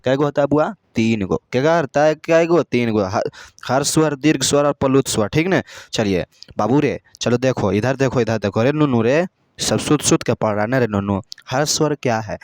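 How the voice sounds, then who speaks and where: Male teacher, mid pitch, call-and-response drilling, dry room. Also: no room sound. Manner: repetitive call-and-response questioning; coaxing students with pet names. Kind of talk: grammar lesson lecture.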